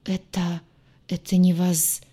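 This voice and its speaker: A woman reading as a plump, nervous ship doctor, awed and easily rattled. Her husky, low voice carries his anxious, excitable questions. It is an audiobook reading. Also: normal speed.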